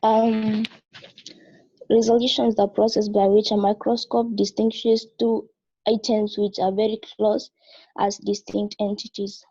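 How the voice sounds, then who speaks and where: Flat husky woman student over lo-fi audio. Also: medium pitch, unhurried. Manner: answers in a careful recited way. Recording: dull lo-fi call audio.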